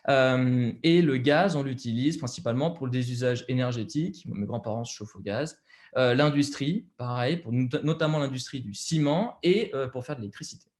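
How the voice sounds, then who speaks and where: A man's voice: mid-range voice, moderate pace, darkish tone. Hesitant young French man presenting slides. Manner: hesitant, many fillers and restarts.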